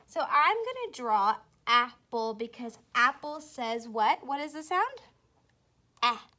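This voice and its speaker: A woman with a bright, crisp voice leads a children's phonics lesson at an unhurried pace. She speaks in an encouraging way and invites young learners to repeat after her. Her voice sits a little higher than most. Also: very animated. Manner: slow, encouraging, addresses young children directly with questions. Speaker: teacher.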